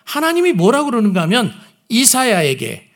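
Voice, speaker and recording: A man's voice: very high voice, wildly swooping pitch, normal speed, fairly bright tone. A man preaching a sermon who asks his listeners questions and acts out the lines he quotes. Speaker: pastor.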